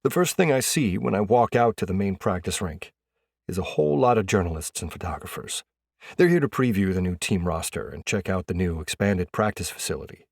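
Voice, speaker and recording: A young adult man narrates an audiobook in the first person, expressive and lively. His voice is on the low side but moves around a great deal. The recording is close and dry. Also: a little fast, gravelly, husky, dry recording.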